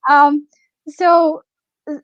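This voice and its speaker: A native Slovak woman with a Slovak accent touched by Nova Scotian, talking casually and reflectively as an interview guest, often pausing to find her words. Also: high voice, level tone, no room sound, lo-fi sound. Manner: reflective, halting, searching for words. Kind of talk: casual conversational storytelling.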